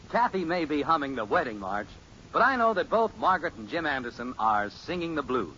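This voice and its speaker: A man's voice: fairly high pitch, very animated, moderate pace, pushed and bright, soft background music, rough recording. A man reading a scripted 1950s radio sponsor lead-in as the show's announcer. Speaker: show announcer.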